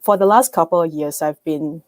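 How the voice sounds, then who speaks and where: A woman's voice: low voice, moderate pace, darkish tone, dry recording. A woman from Singapore introducing herself as a music business consultant on a panel, businesslike and fluent.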